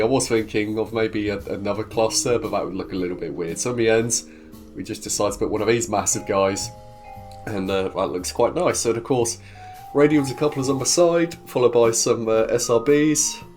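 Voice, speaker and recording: In casual gameplay commentary, a gaming host with a cold chats cheerfully and rambles while building and narrating, his nose clearly congested. He speaks at a normal speed in a slightly mellow voice on the low side, with faint music behind.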